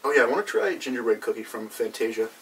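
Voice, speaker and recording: A young man in a casual review chat, halting and searching for words as he goes. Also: mid-range voice, sing-song, fairly bright tone. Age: young adult. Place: small cluttered indoor room with brick wall. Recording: distant mic, background noise.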